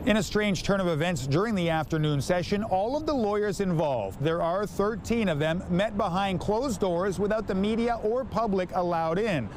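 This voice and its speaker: A Canadian man reads a scripted TV news report in a notably high voice. Faint noise sits behind his narration. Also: normal speed, few pauses.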